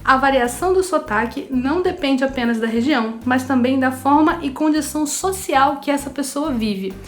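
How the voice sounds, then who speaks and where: A woman's voice: high-pitched, fairly bright tone. A woman from Rio de Janeiro with a Carioca accent, a language teacher giving a chatty online lesson straight to her viewers. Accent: Carioca Brazilian Portuguese. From Rio de Janeiro, Brazil. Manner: chatty, addresses viewers directly.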